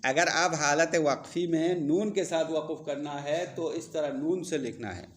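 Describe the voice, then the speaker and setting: A male teacher with a somewhat high voice lectures a classroom on grammar. He reads a line of Arabic text, then breaks it down, often putting questions to his students. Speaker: seminary teacher.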